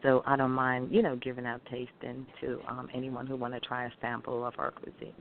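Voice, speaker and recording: This restaurant owner, middle-aged and from Guyana, has a gravelly, monotone voice of medium pitch and talks briskly. Friendly and chatty in the interview, they go on at length about dishes with fillers, over a tinny phone-style line with slight hiss.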